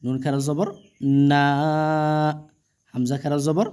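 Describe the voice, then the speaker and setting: A man's voice: on the high side, brisk, mellow. A man with a Bangladeshi Bengali accent teaching Quran reading, drilling letters and vowel marks patiently and checking understanding with questions. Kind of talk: spelled-out Arabic letter drill lesson.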